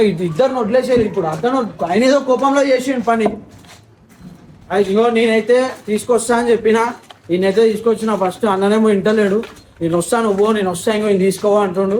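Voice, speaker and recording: Fast, coaxing Telangana man. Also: high-pitched, a little mellow. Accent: Telangana Telugu. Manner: coaxing, placating. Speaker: family vlog regular. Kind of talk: casual family talk. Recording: roomy echo from far off.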